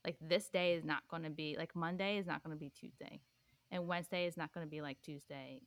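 Low-voiced young woman, casual rambling chat. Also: steady tone, brisk, no room sound. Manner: rambling, full of "like" and "um". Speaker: podcast guest.

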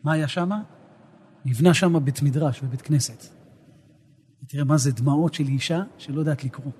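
A rabbi teaching a Torah lesson, an animated storyteller who rises to emphatic outbursts. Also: male voice, a little high, slightly rough.

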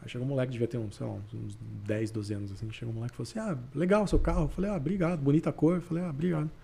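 Fast, husky man telling a story. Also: mid-range voice. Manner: animated, acts out quoted dialogue. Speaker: podcast guest. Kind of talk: casual storytelling.

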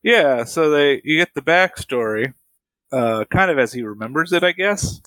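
A man's voice: fairly high pitch, animated, moderate pace, sharp tone, dry recording. A man co-hosting a podcast in a casual, conversational style. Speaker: podcast co-host. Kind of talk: casual chat.

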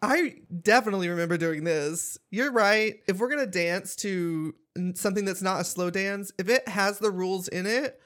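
A woman's voice: mid-range voice, moderate pace, hardly any pauses, a bit bright. A woman in her thirties co-hosting a casual chat, laughing often and teasing playfully. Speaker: podcast co-host.

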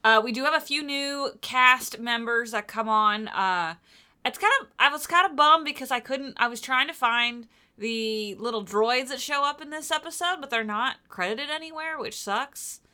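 A woman's voice: high voice, moderate pace, sharp tone, clear, resonant tone. A woman co-hosting a podcast in a casual chat, reading out episode details with lots of fillers, in a morning voice. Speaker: podcast co-host.

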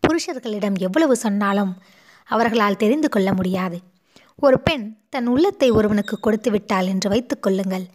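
A woman's voice: mid-range voice, expressive, normal speed, darkish tone, lightly acted. A woman voicing a distraught young noblewoman who pleads and sobs with guilt, in a storybook reading. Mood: pleading. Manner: pleading, sobbing between words.

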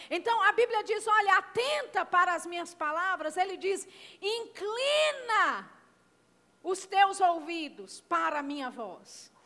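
High bright Brazilian woman preaching. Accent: Brazilian Portuguese. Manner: emphatic, asks the congregation for call-and-response. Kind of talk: sermon. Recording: long hall reverb.

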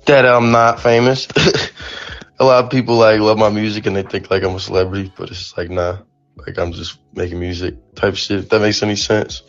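Gravelly low-voiced young man, laid-back. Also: steady tone, normal speed. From North Carolina. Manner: laid-back, short answers, slangy. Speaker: guest rapper. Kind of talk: casual interview chat. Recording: lo-fi live stream audio with faint music.

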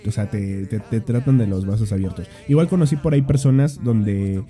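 A Mexican man with a Mexican Spanish accent, telling a story in a relaxed, easygoing way during a casual podcast chat. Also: on the low side, moderate pace, soft background music.

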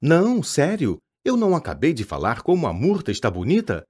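A man's voice: fairly high pitch, wildly swooping pitch, brisk, darkish tone, husky, pitched above the performer's own voice, heavily acted. A man voicing a prim, anxious know-it-all schoolgirl.

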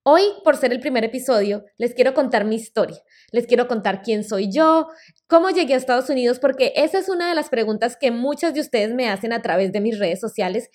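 A woman in her thirties with a Colombian accent tells her own story on her solo podcast, chatty and personal, sprinkling in fillers like "eh" and "pues". Her voice is a little high, with a brisk pace and a darkish tone.

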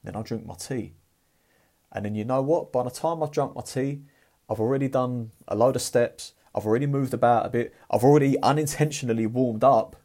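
A husky-voiced man talks straight to the listener about getting moving. He keeps it casual, swears freely and pushes hard with blunt motivation. His voice sits at a medium pitch with a rough, breathy edge. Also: brisk, darkish tone. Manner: blunt, profane and fired-up. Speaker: motivational vlogger.

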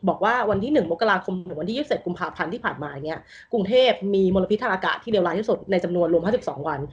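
A woman's voice: fairly low pitch, expressive, rapid-fire, lo-fi sound. A woman thinking aloud through a design exercise in casual talk, mixing English terms into her speech, over a video call from home. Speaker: design interview candidate. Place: bedroom at home with a loud roommate. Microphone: computer mic on a video call.

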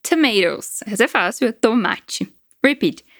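A woman's voice: fairly high pitch, lively intonation, moderate pace, no room sound, clean studio sound. A woman from Brazil giving a chatty, encouraging English lesson and explaining the words. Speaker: English teacher. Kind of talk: language lesson.

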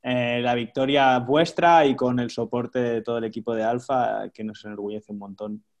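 A man from hosts a casual podcast in a halting way, often repeating his words. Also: medium pitch, fairly even intonation. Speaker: host, coach.

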